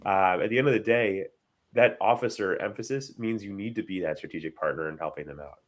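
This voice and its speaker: A man's voice: low voice, a little fast. A man hosting a casual panel chat over a video call, stressing key words emphatically and laughing lightly. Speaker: host.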